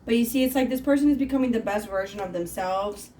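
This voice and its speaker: A woman's voice: fairly high pitch, quick pace, warm tone, slight background noise, low-quality recording. Chatty woman doing a tarot reading. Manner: chatty, rambling, frequent fillers. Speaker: tarot reader. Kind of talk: casual tarot reading monologue.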